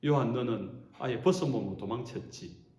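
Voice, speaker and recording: A pastor voicing Jesus in a quiet, plain-spoken way. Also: male voice, medium pitch, moderate pace, close to an everyday voice. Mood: quietly reproachful. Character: Jesus, a grown man speaking to his followers. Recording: echoey church sanctuary.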